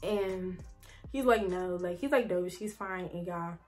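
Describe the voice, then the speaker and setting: A woman's voice: lowish voice, a little slow, soft background music. A young woman vlogging a casual storytime, rambling with lots of "like" and talking straight to her viewers as "y'all.". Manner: chatty, rambling, heavy "like" fillers, addresses viewers as y'all.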